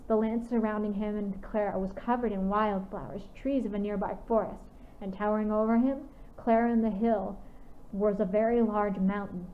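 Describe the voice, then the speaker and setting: Brief: woman narrator reading fan fiction, steady, tinny lo-fi audio. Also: medium pitch, slight background noise. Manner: steady reading with occasional restarts.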